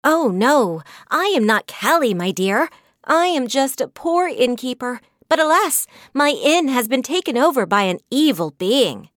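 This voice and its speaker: A woman's voice: high voice, lively intonation, a little slow, a bit bright, no room sound, voice pushed up. A plump red storybook cat, as a woman puts her on speaks in a raised, theatrical voice. She is patient and kindly, and she hams up her woes. The reading is close and dry. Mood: dramatic. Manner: theatrical, dramatic lament.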